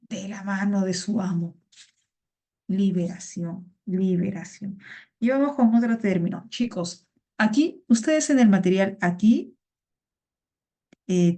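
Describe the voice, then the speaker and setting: A woman's voice: medium pitch, mellow. A woman teaching a vocabulary class over a video call, patient and repeating words. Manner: patient, repeats words and greets students by name.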